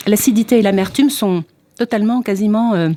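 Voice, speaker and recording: A French woman hosting a podcast conversation, talking in a measured, explanatory way with frequent fillers. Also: mid-range voice, warm tone, no room sound. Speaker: podcast host. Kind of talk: hosted conversation.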